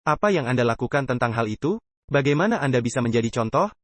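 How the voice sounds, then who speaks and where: Male sermon dubber, fast, dry booth sound, acts out the dialogue. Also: medium pitch, no echo. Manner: lively storytelling, acting out dialogue. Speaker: preacher dubbed into Indonesian.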